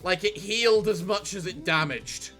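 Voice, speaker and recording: A man's voice: high-pitched, expressive, moderate pace, pushed and bright, faint music behind. A man co-hosting a casual let's play, rambling along with a theatrical streak. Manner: rambling, theatrical sign-offs. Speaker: gaming channel co-host.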